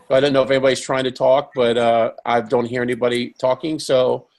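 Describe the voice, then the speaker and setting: A man hosts a live online webinar in a mid-range voice. He rambles casually, restarts sentences often and fills pauses with "uh" and "um". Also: medium pitch, level tone, darkish tone. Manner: rambling, many fillers and restarts. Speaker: webinar host.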